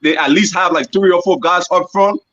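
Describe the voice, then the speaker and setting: A man's voice: high voice, a little fast, fairly bright tone, muffled recording. A man calling a football show over the phone, chatting casually and chummily as a caller. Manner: chummy, says bro and man often.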